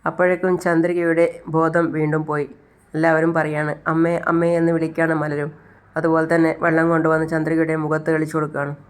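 A woman recaps a TV serial for her channel in a plain, unhurried storytelling voice. Her tone sits low and stays flat, with little rise or fall across a sentence. She simply narrates scene after scene. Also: clean tone.

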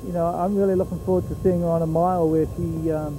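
A middle-aged man with a New Zealand accent, a horse trainer speaking in an outdoor trackside interview, plain-spoken with many pauses and fillers. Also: fairly high pitch, flat delivery, noisy background. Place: outdoor fairground racetrack.

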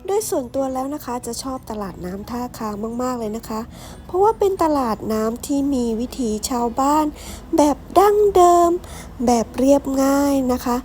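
Travel vlogger, woman, bright high voice with bouncy intonation, polite and chatty, faint music underneath. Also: animated, normal speed. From Ratchaburi, Thailand. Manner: polite, friendly, often addresses viewers directly. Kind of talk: travel vlog narration to viewers.

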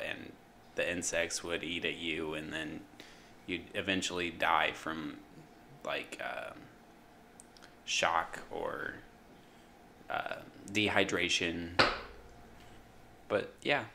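A young man co-hosting a casual podcast, explaining slowly and hesitantly with fillers. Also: sits low, fairly even intonation, pushed and bright, slight background noise. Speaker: podcast co-host. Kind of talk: casual chat.

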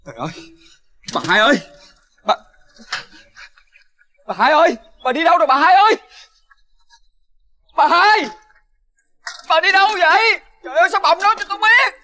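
A man's voice: very high-pitched, huge pitch swings, very fast, few pauses, sharp tone, full character voice. An actor playing a distraught older man who wails and pleads in tears, searching for a missing woman. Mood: wailing. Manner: wailing, pleading, tearful. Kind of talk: comedy drama acting.

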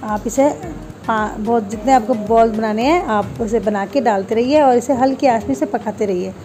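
A woman's voice: on the high side, normal speed, mellow, soft background music. A woman talking viewers through a home cooking recipe step by step, in a homely way. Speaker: home cooking channel host.

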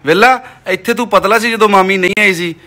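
A young man flips through his wedding album on a home vlog, playfully ribbing his wife and nephew in a casual family conversation. His high-pitched voice is bright and forceful, and he speaks fairly quickly.

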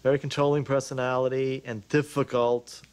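A man giving a frank, measured opinion in a documentary interview. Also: mid-range voice, flat delivery, darkish tone, smooth.

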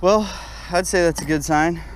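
Fishing from a kayak on a lake, a young man from South Carolina keeps up a casual, chatty stream of talk for his vlog viewers. His voice runs on the high side at a normal speed, captured by a head-mounted action camera along with faint outdoor noise.

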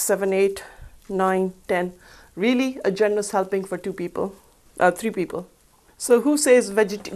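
A woman's voice: mid-range voice, a little mellow, slight background noise. Chatty woman hosting a cooking show. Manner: chatty, upbeat, explains each step while working. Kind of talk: cooking demonstration. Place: studio kitchen set, indoors.

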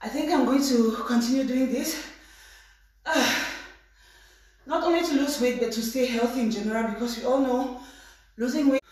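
Young female fitness vlogger, higher voice, hesitant and informal, strong room echo. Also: moderate pace, long pauses, a little mellow. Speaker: live video host. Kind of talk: casual live fitness chat. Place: indoors, tiled room at home. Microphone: phone a few steps away. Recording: very echoey bare room.

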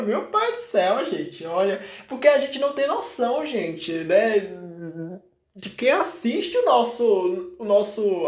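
A man chatting effusively to his viewers as host, giggling and exclaiming often. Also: high voice. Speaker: vlogger host. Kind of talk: casual chat to viewers. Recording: roomy echo.

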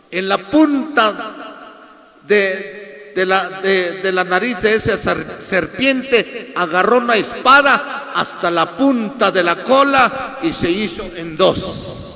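A pastor with a high-pitched, sharp voice fervently preaches a testimonial sermon, frequently saying "amados hermanos," addressing the congregation and calling out questions to them. The sound carries a hall's long reverb.

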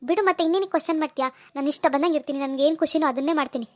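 A woman's voice: sits high, rapid-fire, natural voice. Woman doing a vain, breezy young wife. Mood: defiant. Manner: boastful, breezy and defiant. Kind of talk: cartoon voice acting.

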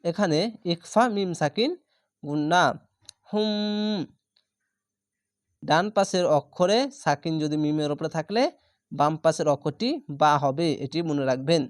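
A man's voice: fairly high pitch, steady tone, normal speed, dry recording, studio quality. A man teaching Quran reading, spelling out each syllable patiently and repeating words for drilling. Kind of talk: slow spelling-out recitation lesson.

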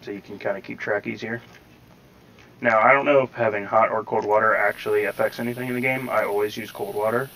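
A gaming tutorial host rambles through casual gameplay commentary step by step, hedging now and then. His fairly low, steady, slightly bright voice moves fast. The poor-quality audio carries faint background noise and slightly robotic processing that makes him sound a bit mechanical.

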